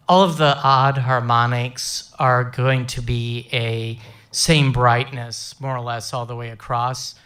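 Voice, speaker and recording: A man's voice: mid-range voice, a bit bright. A man, a guest professor, explaining technical points in a patient, teacherly way.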